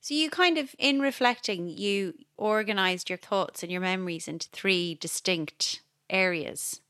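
An Irish woman hosts a podcast interview. She asks gentle, probing questions at a mid pitch. Her voice sounds dry and close to the mic. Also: measured pace, no echo. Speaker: podcast host, violinist.

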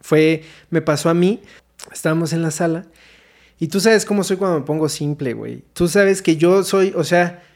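A young Mexican man with a high-pitched voice tells a story among friends. He talks in loose, slangy, profane bursts and slips into acting out the quotes. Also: normal speed. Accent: Mexican Spanish. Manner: slangy, swears a lot, acts out quotes. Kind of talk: casual chat.

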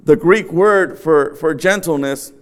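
A man's voice: fairly high pitch, takes it slowly. A middle-aged man preaching a sermon in an empty church sanctuary, earnest and repeating his key phrases. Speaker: pastor.

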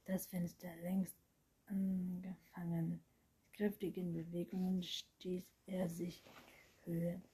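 A woman reading a children's storybook aloud in a slow, gentle way, often half-whispered. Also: lowish voice, level tone. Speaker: narrator.

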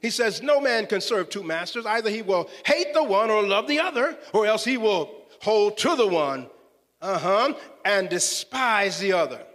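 A man's voice: high-pitched, animated, normal speed, fairly bright tone. A man preaching a sermon fervently, often calling out hallelujah and repeating his words. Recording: long hall reverb.

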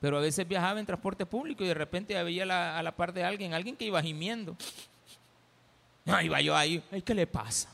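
A man's voice: high voice, fairly quick, creaky, bright, forceful tone. A male pastor with a Salvadoran accent preaching a sermon in a church, folksy and teasing as he acts out little everyday scenes. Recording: church hall reverb.

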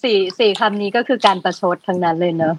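A woman's voice: medium pitch, fast talker, a little hiss or hum. A woman co-hosting a podcast, wry and playful as she reads out sarcastic lines in casual chat. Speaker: podcast co-host.

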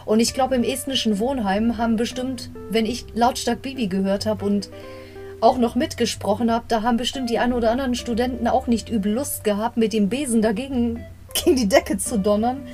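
Speaking fairly quickly in a mellow, higher-pitched voice, a young woman chats her way through an audio drama episode as a podcast host reviewing it. She goes off on asides and corrects herself mid-story, and faint guitar music plays in the background.

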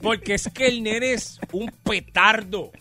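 A man's voice: high voice, measured pace, bright, forceful tone. A man co-hosting a radio show, joking and telling rambling stories. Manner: teasing, rambling storyteller. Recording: faint music in the background.

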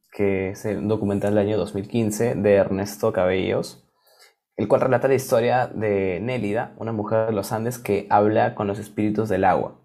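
A man's voice: lowish voice, mellow. A man co-hosting a casual talk show, chatty and enthusiastic. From Peru. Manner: chatty, enthusiastic, with frequent fillers and restarts. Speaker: co-host.

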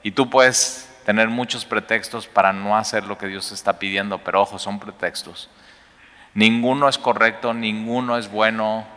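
A man, preaching a sermon in a conversational, animated way with rhetorical questions. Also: fairly low pitch, moderate pace. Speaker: pastor. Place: church hall. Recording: echoey hall.

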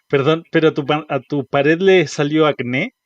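A man's voice: a little high, normal speed, dry recording, lo-fi sound. A man with a Chilean accent co-hosting a live radio show, teasing his partner in casual chat. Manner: teasing, playful.

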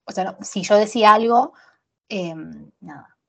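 A young woman with a Rioplatense Spanish accent, co-hosting a podcast in casual, animated chat full of slang and restarts. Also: medium pitch, a little slow, vocal fry. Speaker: podcast co-host.

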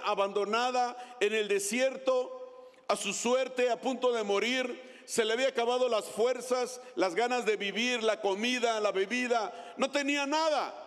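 A man with a high voice delivers a sermon as pastor, reading scripture and asking his listeners questions. His voice carries a long reverb from the hall. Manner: preaching, asks the congregation questions.

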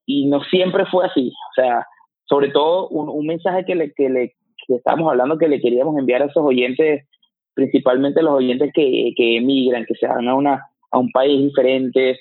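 Man, Venezuelan accent, interview guest, halting, English words mixed in, dry dull lo-fi sound. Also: mid-range voice, fairly even intonation, no room sound. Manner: halting, restarts often, slips in English words. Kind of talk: casual interview talk.

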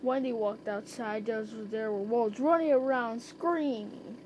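A woman's voice: fairly high pitch, measured pace, a little mellow, slight background noise, rough recording. Chatty woman reading her own story. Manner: chatty, with restarts and asides. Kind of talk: casual read-aloud storytelling.

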